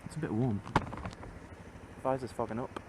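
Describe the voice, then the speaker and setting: A man's voice: medium pitch, fairly even intonation, moderate pace. Guy vlogging from inside his bike helmet, muffled, rambly with lots of ums, heavy wind and engine roar over him. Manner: rambling, chatty, many ums. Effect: muffled, talking inside a motorcycle helmet. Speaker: motorcycle vlogger. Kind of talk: casual chat to camera while riding. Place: on a motorbike on the road, outdoors. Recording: loud wind and engine noise. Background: traffic and road noise.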